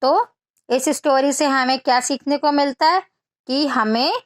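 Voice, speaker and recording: A female teacher with a high-pitched voice tells a children's story as a lesson, recorded in studio quality with no echo. She poses questions and answers them herself, explains English phrases in Hindi, and reads the English lines very slowly and deliberately.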